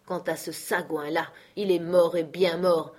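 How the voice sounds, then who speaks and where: A woman reading the part of a wounded, surly old pirate sailor in an audiobook, in a gruff, grumbling manner. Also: fairly low pitch, a little slow.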